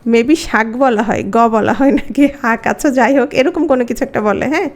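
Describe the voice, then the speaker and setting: A woman's voice: fairly high pitch, moderate pace. A woman teacher, giving an exam-prep grammar lesson and asking her students questions as she explains.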